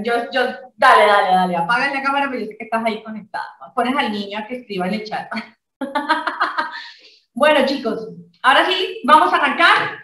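Effusive Colombian woman, high bright voice. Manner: effusive, affectionate, laughs often. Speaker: network marketing presenter. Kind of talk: live video call greeting. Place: home living room. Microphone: video call. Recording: echoey, from a distance.

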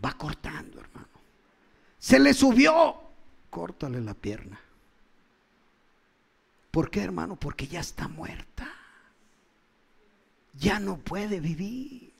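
A man with a Mexican accent preaching a sermon in a church, impassioned and calling out to his listeners, swinging between loud and hushed. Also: high-pitched, big pitch swings, takes it slowly, creaky, long pauses, slightly rough.

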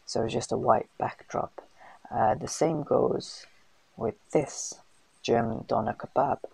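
Gravelly man, casual tutorial chat. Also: mid-range voice, expressive, unhurried, a little mellow, no room sound, low-quality recording. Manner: chatty, filler-heavy, British slang. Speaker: host of a food business channel. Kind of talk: casual screen-recorded tutorial. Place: voice-over on a screen recording.

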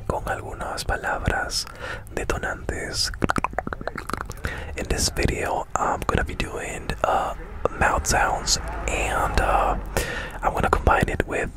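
Young man in a slow ASMR whisper. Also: low-quality recording. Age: 20s. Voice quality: breathy, unvoiced whisper. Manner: slow, repeats words softly. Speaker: ASMR video creator. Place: inside a parked car. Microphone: handheld mic with fluffy windscreen, held close to mouth.

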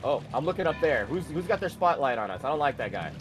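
A man streaming a game with friends in loose, casual chat. He is wry and sarcastic, with clear music behind him. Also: on the high side, sing-song, fast talker. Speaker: streamer playing in a group. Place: home room, group video call.

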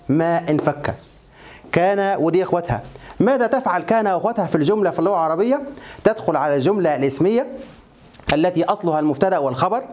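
A man's voice: high-pitched, a little mellow. A man with an Egyptian accent teaching a grammar lesson, asking questions and answering them himself. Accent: Egyptian Arabic.

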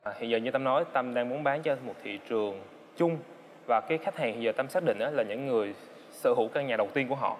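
A man's voice: mid-range voice, in a large hall, slight background noise. A man, a startup founder, earnestly explaining his pricing on a TV show. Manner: quick, earnest business explanation. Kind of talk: pitching his business on TV. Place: TV studio.

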